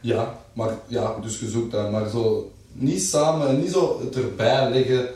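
A man with a Flemish accent in a casual group chat, talking informally and haltingly with some English swearing. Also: medium pitch, a little mellow. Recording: very echoey room, far from mic.

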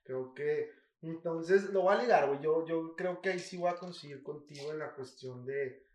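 Young man, Mexican accent, high-pitched, echoey room, slangy casual chat. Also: normal speed. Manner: slangy, animated, full of filler words.

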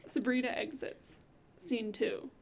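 A woman reads stage directions for a homemade musical, amused and often laughing. Her voice is high. Faint instrument music plays behind. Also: takes it slowly, vocal fry. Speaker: narrator reading stage directions. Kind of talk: reading a script with family.

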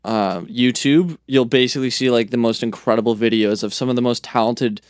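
A man's voice: medium pitch, a little fast, clear, resonant tone, no room sound, clean studio sound. A young man co-hosting a podcast in casual chat, enthusiastic and full of fillers. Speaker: podcast co-host.

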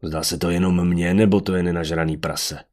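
A man's voice: deep voice, steady tone, darkish tone, natural voice. A man voicing a brash, hot-tempered young man in a fantasy audiobook. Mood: exasperated.

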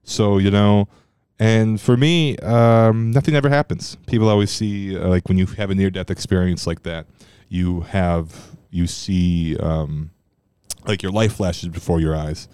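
Deep-voiced man rambling solo. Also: measured pace, clear, resonant tone, no echo. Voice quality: strong loud voice, at times monotone. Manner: rambling, loose and profane, many fillers. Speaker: podcast host. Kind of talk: casual solo podcast chat. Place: room at home.

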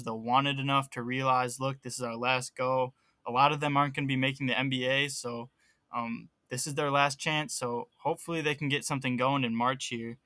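A young man co-hosting a podcast, talking college basketball in a relaxed way with lots of ums. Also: medium pitch, no room sound. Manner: relaxed, filler-heavy talk. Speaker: podcast co-host. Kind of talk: casual sports chat.

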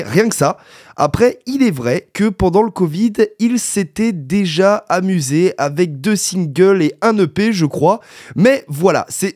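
A man with a hoarse, worn-out, raspy voice, chatting casually as the host of a music radio show. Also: on the high side, darkish tone, no room sound, clean studio sound. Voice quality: very husky, raspy. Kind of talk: casual chat.

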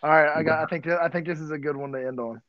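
A man's voice: a little high, racing, no echo, muffled recording. A man in his mid-thirties co-hosting a podcast, laid-back and chatty, who keeps saying "dude" and gets worked up when teased. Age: 30s. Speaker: podcast co-host. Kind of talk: casual chat.

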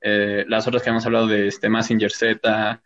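A man's voice: lowish voice, completely flat delivery, normal speed, fairly bright tone. A man co-hosting a casual podcast, rambling and slangy with hesitant fillers. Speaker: podcast co-host. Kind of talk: casual chat. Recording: dull lo-fi sound.

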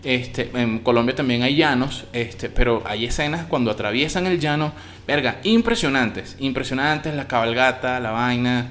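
A man's voice: medium pitch, normal speed, hardly any pauses, a bit bright. A man with a Venezuelan accent giving a casual spoken review of a series, slangy and enthusiastic, often trailing off and restarting words.

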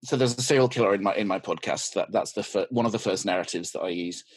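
A man from England with an English accent chats casually as a podcast guest in an interview, his low voice fast and slightly rough on a dry recording. He sounds hesitant and keeps restarting his thoughts.

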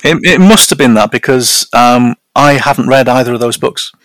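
A Northern English man with flat vowels talks as an interview guest. He tells anecdotes in a casual, self-deprecating way. The sound is dry and close, with little room around it. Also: medium pitch, normal speed, dry recording. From north of England. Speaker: podcast guest.

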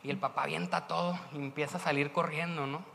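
A man's voice: a little high, steady tone, quick pace, gravelly, sharp tone, slight background noise. A man with a Mexican accent preaching a sermon in a casual, conversational way, often tagging questions. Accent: Mexican Spanish. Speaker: pastor. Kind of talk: sermon storytelling. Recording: echoey church hall.

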